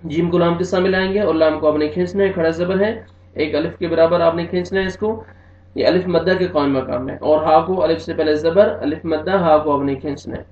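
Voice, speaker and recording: A man with an Urdu-speaking accent teaching Quran recitation, slowly drawing out verses and then explaining the rules in plain speech. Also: fairly high pitch, a little mellow. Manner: slow drawn-out recitation between plain spoken explanations. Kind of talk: tajweed recitation lesson. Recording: echoey, dull lo-fi sound.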